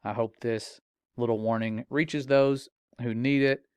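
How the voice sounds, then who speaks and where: Earnest man with a smooth voice. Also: medium pitch, steady tone, unhurried, no room sound, studio quality. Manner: earnest, urgent, preaching tone. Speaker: parent sharing a warning. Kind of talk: earnest spoken warning to viewers.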